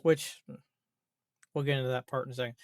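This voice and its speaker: Male gaming commentator, mid-range pitch, exasperated and grumbling, unscripted and emphatic, dry recording. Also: little pitch movement, brisk, darkish tone, no room sound. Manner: exasperated, grumbling, sweary complaining; emphatic repetition, rhetorical questions. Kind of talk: unscripted rant about a video game.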